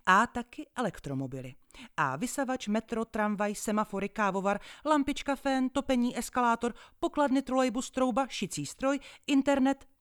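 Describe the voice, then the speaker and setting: A woman narrating a children's story in the first person, playful and expressive, sometimes dropping to a dramatic hush. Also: a little high, clear, resonant tone, no room sound, studio quality.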